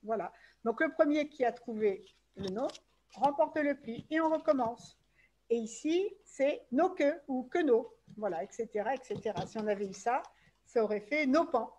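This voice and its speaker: A woman's voice: on the high side, expressive, moderate pace, darkish tone. A woman presenting a game on an online webinar, walking through the rules step by step over a video call.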